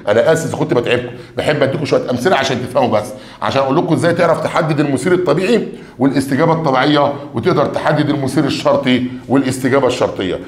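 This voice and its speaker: A man's voice: medium pitch, echoey room. A man with an Egyptian Arabic accent teaching an exam revision lesson. He talks straight to his students and stretches out key words one by one as he reads a question aloud. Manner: addresses students directly, calls for blessings on the Prophet.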